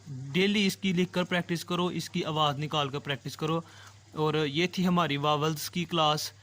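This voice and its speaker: A man's voice: a little high, fairly bright tone. A man teaching a language class, patiently drawing out and repeating each sound and checking that the listener follows. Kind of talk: online language lesson.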